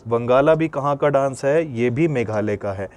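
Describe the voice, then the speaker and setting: In this exam-prep lesson, a male teacher with a darkish, mid-range voice speaks at a moderate pace. He tests his pupils with questions he then answers himself, drills memory tricks, and refers to them as "dear children."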